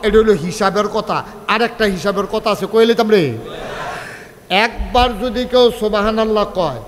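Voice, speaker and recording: Male preacher, high voice, sing-song storytelling sermon, long hall reverb. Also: a little hiss or hum. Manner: sing-song, animated storytelling, calls crowd to answer. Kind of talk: Bengali village sermon (waz).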